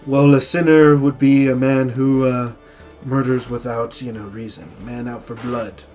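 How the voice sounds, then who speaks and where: A man's voice: medium pitch, flat delivery, moderate pace, over music, lightly acted. A man voicing a boastful, defensive traveling storyteller in a tabletop game, rambling and hesitant as he insists on his tales. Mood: defensive, insistent.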